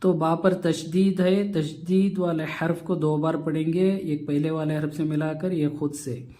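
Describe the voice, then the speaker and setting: A man teaching a Quran recitation lesson, spelling out syllables slowly and patiently repeating each rule, with nasal humming on doubled letters. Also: on the high side, dark tone. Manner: patient, repeats rules step by step.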